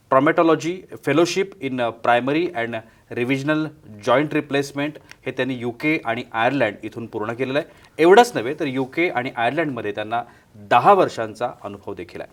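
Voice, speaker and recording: A man's voice: mid-range voice, a bit bright. A man hosting a TV health program, introducing the guest formally and asking questions. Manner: formal, frequent short acknowledgments. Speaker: TV show host.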